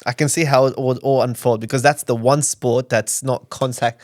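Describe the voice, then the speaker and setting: A man's voice: mid-range voice, steady tone, moderate pace. A man hosting a podcast interview, asking questions in a jokey, chatty way and laughing often. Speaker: podcast host. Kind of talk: casual interview chat.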